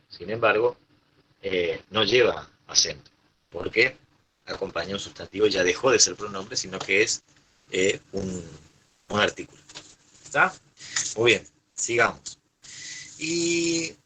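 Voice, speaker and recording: A man's voice: lowish voice, bright, forceful tone, slightly rough, low-quality recording. A middle-aged man with an Argentine accent teaching a grammar lesson, patiently repeating points and checking in with his class. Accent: Argentine Spanish. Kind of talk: online class explanation.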